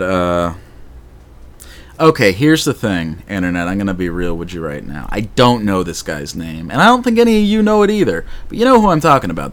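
Deep male podcast host, casual fan-chat delivery, rambling and animated. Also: no room sound.

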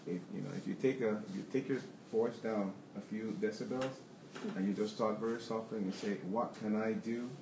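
Low-voiced man talking in an echoey room. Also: fairly quick, gravelly, noisy background. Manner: candid, rambling with restarts. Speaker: plumbing business owner on a panel. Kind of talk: answering audience questions.

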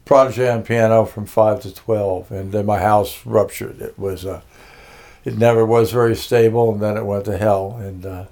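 A man's voice: fairly low pitch, fairly even intonation, normal speed, mellow. Older man rambling through his life story. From Connecticut. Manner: rambling, many fillers and restarts. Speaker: interview guest, music producer. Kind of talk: casual interview, life story.

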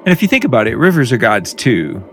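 A man co-hosting a podcast in casual banter, jokey and quick to laugh. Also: mid-range voice, huge pitch swings, a bit bright, slight background noise. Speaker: podcast co-host.

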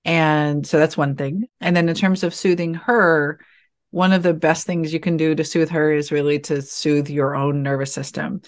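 A woman giving calm, measured and reassuring advice in a relaxed conversation. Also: sits low. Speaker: podcast guest.

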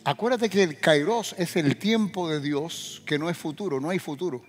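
Male pastor, sermon delivery, high ringing voice with sudden loud surges; reverberant hall, soft music bed. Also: normal speed. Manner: preaching with sudden loud rising bursts and direct questions to the congregation.

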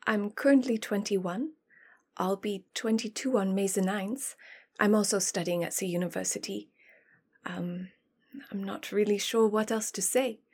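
A woman's voice: medium pitch, measured pace, husky. An actress playing a spirited young female student who teases her brother, in a dramatized historical interview. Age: 20s. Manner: lively, teasing. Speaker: interview guest.

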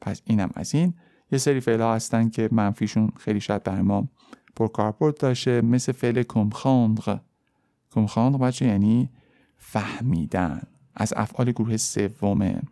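A man teaching French on a podcast, explaining in Persian and saying the French forms slowly and clearly. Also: on the low side, dark tone, no echo. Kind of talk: podcast language lesson.

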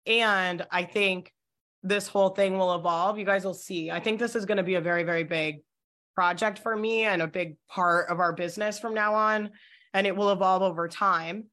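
Bubbly woman with a voice going hoarse. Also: medium pitch, normal speed. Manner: bubbly, excitable, chatty. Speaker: business coach hosting a livestream. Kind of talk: casual livestream chat.

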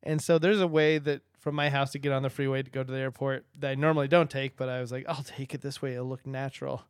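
A man's voice: medium pitch, flat delivery, fast talker, smooth, no room sound, clean studio sound. A man co-hosting a casual podcast, telling a rambling story and laughing often. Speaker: podcast co-host. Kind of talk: casual chat.

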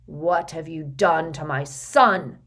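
A woman voicing a blustering, bad-tempered middle-aged uncle who talks loud and gruff. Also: mid-range voice, sing-song, unhurried. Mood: menacing.

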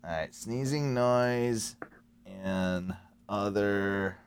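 A man's voice: on the low side, drawn-out words, crowd noise. A man hosting a casual chat, rambling and thinking aloud as he searches, with casual swearing.

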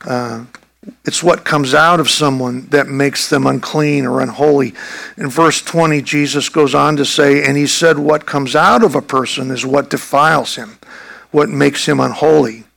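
A man's voice: medium pitch, fairly even intonation, normal speed, gravelly, a bit bright. A male pastor preaching a sermon in a conversational, emphatic way.

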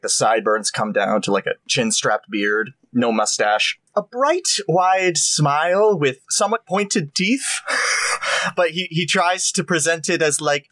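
A man's voice: fairly high pitch, fairly bright tone, no echo. A man describing his character in a tabletop game, rambling with lots of fillers. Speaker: player.

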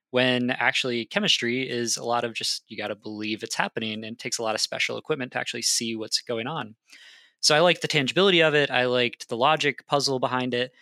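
A man's voice: medium pitch, sharp tone, no echo. A young man in a casual interview, explaining his field with enthusiasm and frequent fillers. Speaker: guest geologist.

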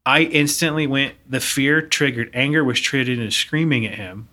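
A man's voice: mid-range voice, normal speed, bright, forceful tone. A man in his thirties co-hosting a podcast, telling a personal story earnestly in casual conversation. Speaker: podcast co-host. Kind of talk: casual chat.

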